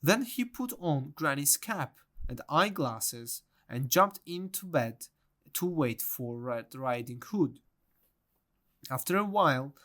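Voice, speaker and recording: A man's voice: on the high side, fairly bright tone. A man narrating a children's storybook aloud. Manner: slow, deliberate storytelling.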